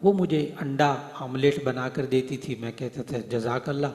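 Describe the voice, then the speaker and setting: A middle-aged man preaching, telling stories and acting out their dialogue, swinging from soft to loud. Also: mid-range voice, fairly even intonation. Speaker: Islamic preacher and hadith teacher. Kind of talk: Urdu religious speech to a gathering. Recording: echoey hall, voice through speakers.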